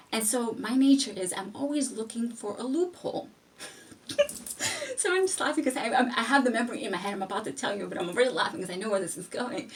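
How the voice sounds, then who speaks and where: A young woman chats through a personal story for her fragrance channel. She laughs often and gets animated as she tells it. Her voice sits a little back from the microphone, with a middling pitch. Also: distant mic. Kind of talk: casual storytime chat.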